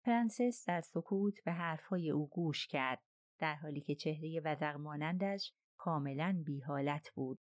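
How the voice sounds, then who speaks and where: A woman narrating a crime novel in an audiobook with steady, even delivery. Her voice is on the low side, recorded dry and close with no room sound. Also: dry recording.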